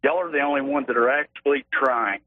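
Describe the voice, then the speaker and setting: A man with a thick Arkansas accent giving his earnest opinion as a caller on a talk radio show, in a folksy, halting way. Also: mid-range voice, fairly even intonation, no room sound. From Arkansas, United States. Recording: narrow tinny phone line.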